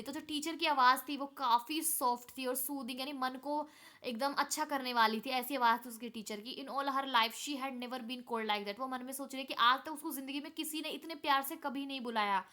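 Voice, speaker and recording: Young woman tutor, high bright voice, reads english lines slow then explains. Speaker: teacher. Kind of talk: explaining an English chapter in Hindi.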